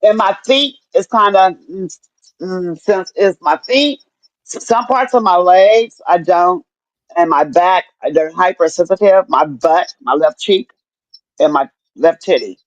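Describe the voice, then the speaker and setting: Profane, animated middle-aged woman storyteller. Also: on the low side, unhurried, dry recording. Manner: animated storyteller, profane, acts out what people said. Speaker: guest telling her story. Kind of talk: casual chat. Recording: dull lo-fi dry sound.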